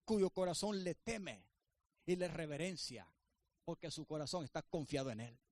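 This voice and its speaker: Male pastor, sermon delivery, high voice, dry recording, emphatic rises with soft asides. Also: no room sound.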